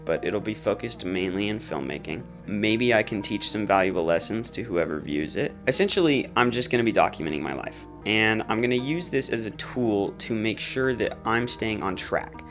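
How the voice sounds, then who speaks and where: Low-voiced earnest teenage guy vlogging. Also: a bit bright. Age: teens. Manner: earnest, determined. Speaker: aspiring filmmaker. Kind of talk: casual vlog monologue.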